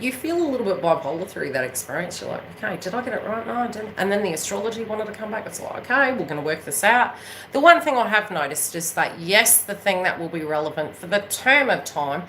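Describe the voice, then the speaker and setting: A New Zealand woman with a Kiwi accent hosts her own channel as an astrology reader and spiritual coach, chatting to viewers without a script. Her lowish voice is bright and forceful, and she rambles emphatically, often checking in with tag questions to make sure they follow. The recording is rough, with a little hiss or hum.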